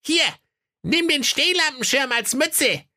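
A man voicing the devil's old grandmother, a shrill, fussy old she-devil who is sweetly menacing, in a comic storybook tale. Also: lively intonation, slow, sharp tone, heavily acted. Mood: sly.

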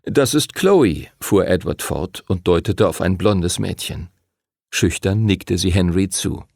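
A man narrating an audiobook in an expressive storytelling manner. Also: low voice, unhurried, gravelly, no echo, studio quality.

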